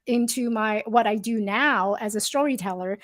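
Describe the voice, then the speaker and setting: High-voiced woman from Taiwan, lively guest. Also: moderate pace. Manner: animated, laughs often, simple non-native grammar. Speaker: podcast guest, storyteller. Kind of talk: casual interview chat.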